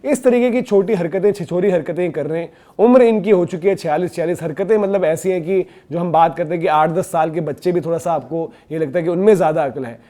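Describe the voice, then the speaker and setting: A man's voice: fairly high pitch, darkish tone. A man giving scornful, indignant opinion commentary on cricket, hammering his points with repetition.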